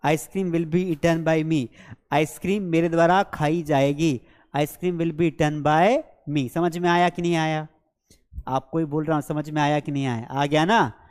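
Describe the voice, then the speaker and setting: A man teaching English grammar in a live online class, repeating example sentences slowly and checking that students follow; his first language is Hindi. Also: fairly high pitch, fairly even intonation, a little mellow, in a large hall. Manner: slow, drilled repetition of example sentences; coaxing, checks understanding with repeated questions. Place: studio with a board and screens.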